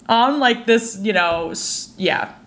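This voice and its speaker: A woman in her twenties chats alone on her podcast, unhurried and slightly high-pitched. She tells her stories with animated exasperation and breaks into laughter often. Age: 20s. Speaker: podcast host. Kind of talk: casual solo podcast chat.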